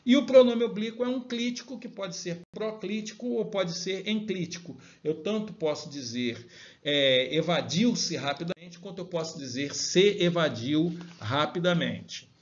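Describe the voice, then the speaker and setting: A man's voice: sits high, normal speed, dull audio. A male teacher explaining grammar in a recorded lecture, often checking in with his students. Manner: explanatory, frequent tag questions.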